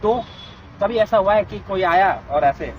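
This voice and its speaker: A man's voice: high voice, lively intonation, unhurried, lo-fi sound. A man hosting a casual interview, asking long rambling questions. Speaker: interview host. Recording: outdoor street noise with traffic.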